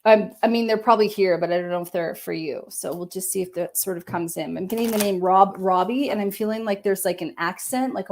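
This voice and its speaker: Woman doing a psychic reading on a live stream, soft and hesitant, lots of likes and ums. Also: mid-range voice, slight background noise. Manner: gentle, searching, hedging with many likes and ums. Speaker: medium giving live readings.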